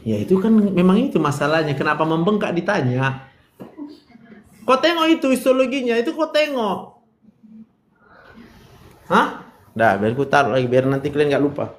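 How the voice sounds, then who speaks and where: A man's voice: a little high, very animated, normal speed, long pauses. A man lecturing a medical class, firing questions at students, teasing them and joking bluntly. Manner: quizzing students, joking, brash direct address. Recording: roomy echo, faint room noise.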